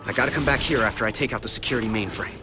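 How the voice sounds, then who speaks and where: A man's voice: lowish voice, rapid-fire, noisy background, natural voice. A man voicing a young, cocky, wisecracking superhero with an American accent in a video game. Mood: flippant, upbeat. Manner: flippant, quippy, incredulous. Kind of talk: animated video game voice acting. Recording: loud music behind the voice.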